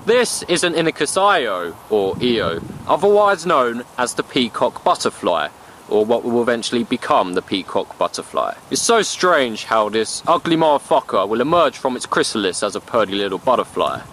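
A man's voice: medium pitch, sing-song, moderate pace, a bit bright, slight background noise. A young man from the UK narrating a bushcraft trip outdoors in a playful, slangy way. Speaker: bushcraft vlogger. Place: outdoors in woods and meadow.

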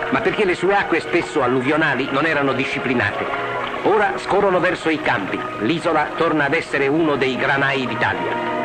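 1950s newsreel man over loud music. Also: on the high side. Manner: declamatory, formal. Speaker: newsreel narrator. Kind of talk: scripted 1950s newsreel narration. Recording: old film soundtrack with loud music.

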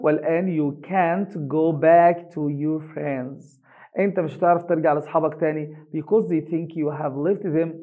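An English teacher with an Egyptian Arabic accent, who reads a story slowly in English and translates each line quickly into colloquial Arabic. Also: male voice, a little high, narrow, tinny audio. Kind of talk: reading an English reader aloud line by line and translating it.

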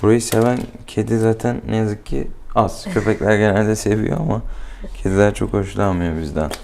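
A man working as a vet, chatting casually and slipping into high baby talk with a cat at his clinic. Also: fairly even intonation, normal speed, creaky, darkish tone, slight background noise. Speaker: veterinarian. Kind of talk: casual talk with a pet owner. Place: indoors, at a vet's clinic.

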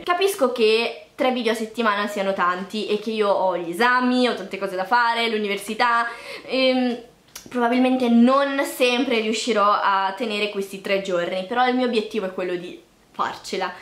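Here the vlogger's medium-pitched voice has a fairly bright tone. She's in her early 20s, chatting playfully and self-deprecatingly to camera for YouTube from a small, bare-walled room whose untreated acoustics echo.

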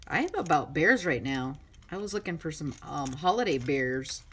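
A middle-aged woman crafting vlogger gushing excitedly over a mail swap, chatty and full of fillers. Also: sits low, moderate pace. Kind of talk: casual unboxing chat. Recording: noisy room with crinkling and clicks.

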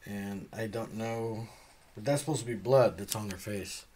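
A man's voice: on the low side, normal speed, a little mellow, a little hiss or hum. A man casually unboxing comics, rambling, trailing off and swearing offhandedly. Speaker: comic unboxing channel host.

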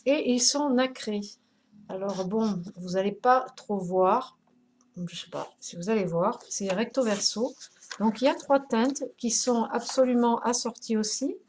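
A woman's voice: fairly high pitch, a little slow, darkish tone, a little hiss or hum. A woman hosting a craft live stream, chatting casually, greeting viewers by name with many hesitations.

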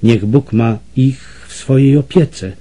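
A man's voice: mid-range voice, big pitch swings, measured pace, warm tone. A man voicing a frightened but firm captive mother in an audiobook, speaking in a pleading, shocked way. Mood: distressed.

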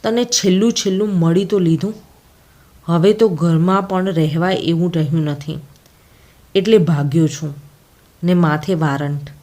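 A woman's voice: measured pace, pauses often, warm tone, close to an everyday voice. A woman playing a choked, remorseful fugitive son. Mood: remorseful urgent. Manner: choked, tearful, low urgent. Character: hunted young man, a fugitive son, remorseful.

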